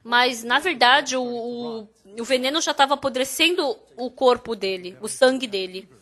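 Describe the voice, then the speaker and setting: A woman interprets a sermon in the first person and tells the story with rising emphasis. Her voice is high and bright, and it carries with a clear edge. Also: normal speed. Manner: storytelling, emphatic and animated when quoting.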